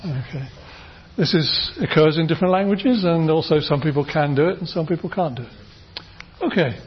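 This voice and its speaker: British man lecturing on phonetics, husky. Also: fairly high pitch, moderate pace. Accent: British English. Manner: explains patiently, many fillers and restarts, demonstrates sounds. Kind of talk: university lecture. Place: lecture room. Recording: dull lo-fi lecture recording.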